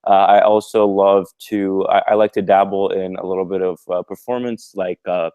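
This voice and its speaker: Young man, American accent, low voice, smooth and dry, relaxed and friendly. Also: normal speed, no echo, narrow, tinny audio. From Egypt. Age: young adult. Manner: relaxed, friendly, fillers, kept quiet. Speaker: program manager guest. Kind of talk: casual interview over a video call.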